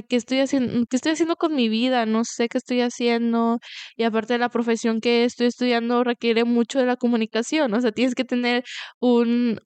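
A woman's voice: on the high side, a little mellow, smooth, no echo. A young woman in her twenties, raised in the US after moving there at twelve, telling a personal story in a candid, rambling way. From Latin America, moved to the US at twelve. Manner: candid, rambling, with restarts and "bla, bla, bla". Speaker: podcast host. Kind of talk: personal confessional monologue.

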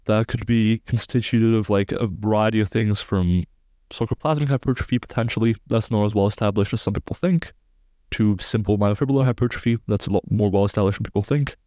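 A man's voice: fairly low pitch, a little fast, a little mellow, dry recording, studio quality. A man in his twenties from Belgium, a sports science researcher, explaining studies precisely and technically as a podcast guest. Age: 20s.

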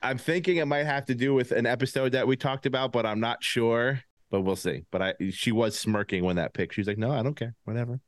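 Male podcast host, lisp, easy laugh, mid-pitched, dry close sound. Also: brisk, hardly any pauses, no echo. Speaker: podcast host running a game draft. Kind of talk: casual podcast chat.

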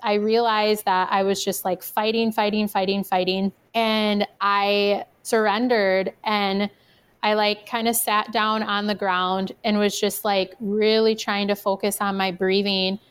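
A woman's voice: mid-range voice, level tone, a little slow, clean tone. A young adult woman telling her own story as a podcast guest, chatty, with a lot of "like". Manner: chatty, fills speech with "like". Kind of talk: personal storytelling in casual conversation.

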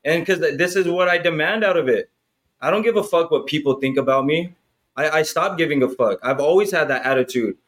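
Profane, hyped-up man talking fast. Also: a little high, fairly bright tone. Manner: profane, hyped, motivational, says "bro" and "right?" constantly. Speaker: podcast guest. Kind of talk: casual chat.

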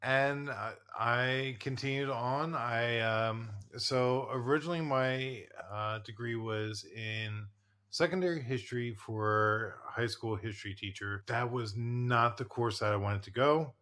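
A man's voice: mid-range voice, a little slow, pushed and bright. A man in his forties co-hosting a podcast, talking in a rambling, casual way full of fillers. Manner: rambling, many fillers and restarts. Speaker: podcast co-host, therapist. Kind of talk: casual chat.

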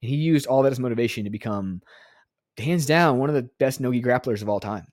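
A man's voice: mid-range voice, fast talker, darkish tone, no echo, clean studio sound. A man hosting a podcast, talking in a casual monologue that turns earnest and emotional, with some sarcastic joking. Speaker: podcast host.

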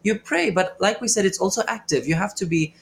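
A young co-host of a faith podcast, animated and emphatic, with frequent affirmations. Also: medium pitch, a little fast, vocal fry, a little hiss or hum. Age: young adult. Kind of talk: casual faith discussion.

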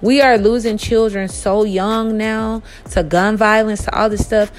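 A woman's voice: medium pitch, steady tone, measured pace. Chatty thirties woman podcast host. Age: 30s. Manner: chatty, talks straight to listeners with "y'all". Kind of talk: casual monologue.

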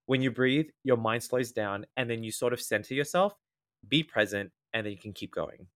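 With a fairly bright, slightly nasal, mid-range voice at normal speed, an Australian man explains his advice earnestly and in order, point by point. He is a guest speaker and one-time event MC being interviewed casually.

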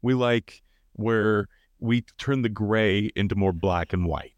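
A man's voice: on the low side, slow pace, no echo. A man co-hosting a casual film podcast, talking loosely with many fillers and restarts. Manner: loose, hesitant, lots of fillers. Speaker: podcast co-host.

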